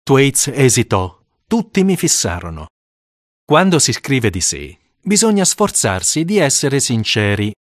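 A man narrating a first-person story for an audiobook, with dramatic, expressive storytelling. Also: medium pitch, measured pace, dry recording, studio quality.

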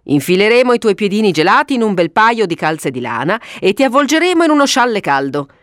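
Woman doing kindly bossy storybook dad, brisk commonsense manner, dry close sound. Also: mid-range voice, very animated, dry recording, voice pushed up, lightly acted. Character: sensible, bluff, kindly middle-aged father.

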